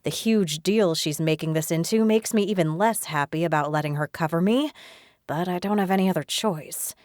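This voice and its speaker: A woman narrating a romance audiobook in the first person in a steady, even reading voice. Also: on the low side, normal speed, no echo, clean studio sound.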